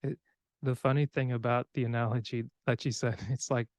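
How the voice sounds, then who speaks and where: A young man from Cameroon, raised in the United States, hosting a podcast in a relaxed, rambling way. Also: medium pitch, brisk, dry recording. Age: young adult. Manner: relaxed, rambling, with filler words and laughs. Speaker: podcast host. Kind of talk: casual conversation.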